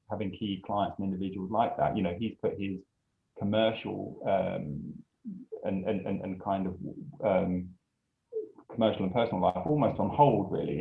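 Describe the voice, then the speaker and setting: A man, a design studio principal, speaking haltingly with many restarts in a panel discussion. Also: low voice. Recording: tinny phone-like line.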